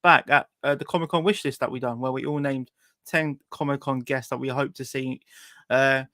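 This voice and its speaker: A man's voice: mid-range voice, fairly even intonation, normal speed, bright, forceful tone, no room sound, clean studio sound. A man with a British accent casually hosting a livestreamed talk show.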